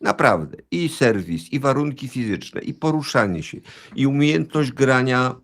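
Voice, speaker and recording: A man discussing tennis in casual chat, measured and analytical, with some hesitations. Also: medium pitch, expressive, a bit bright. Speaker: tennis pundit.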